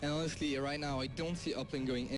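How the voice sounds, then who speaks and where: A man giving analytical esports commentary, measured and thinking aloud as he explains. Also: on the high side, fairly even intonation, music in the background. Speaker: esports co-caster.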